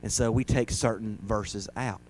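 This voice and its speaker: A man in his forties preaching a sermon as pastor, swinging between loud emphatic lines and soft asides. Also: lowish voice, steady tone, normal speed, slight background noise.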